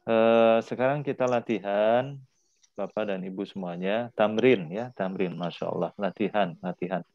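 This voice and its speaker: A man's voice: lowish voice, moderate pace, no room sound, muffled recording. A man teaching Arabic in an online class, patiently repeating words for his students to drill.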